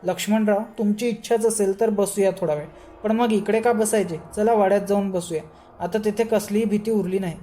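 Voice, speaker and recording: A woman's voice: medium pitch, steady tone, fairly quick, warm tone, a little hiss or hum, lightly acted. A woman reading as a haughty false holy man. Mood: commanding. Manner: boastful, commanding. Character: arrogant impostor holy man, actually a demon.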